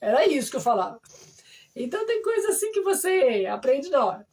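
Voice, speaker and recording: A Brazilian woman, a French teacher, talking on a live stream with a lively storytelling manner. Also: high voice, brisk. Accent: Brazilian Portuguese. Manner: lively storyteller who acts out dialogue. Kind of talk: live-stream talk about a course. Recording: voice somewhat distant from the mic.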